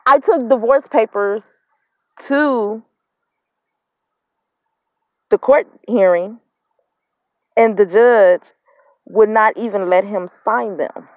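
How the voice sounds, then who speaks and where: A woman's voice: mid-range voice, takes it slowly, long pauses, darkish tone, dry recording. A woman in her thirties telling the story of her custody fight straight to camera. She is frustrated and near tears, and she repeats her points with emphasis. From not from Mississippi, lived up north. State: emotional, holding back tears, smoking. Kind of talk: casual direct-to-camera vlog.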